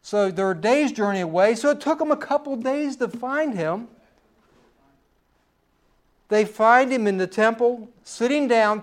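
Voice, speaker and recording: A middle-aged man preaching a sermon in a folksy storytelling way, with personal asides. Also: high voice.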